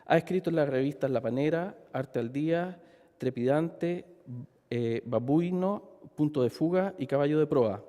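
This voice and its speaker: A man's voice: a little high, a little slow, warm tone. A man, formally introducing panelists as a moderator. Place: reverberant hall at a colloquium. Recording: echoey hall with long reverb.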